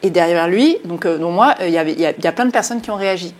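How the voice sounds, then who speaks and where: A woman with a fairly low, slightly mellow voice is a journalist and author guesting in a studio interview. She's earnest but often halting, with frequent fillers and restarts.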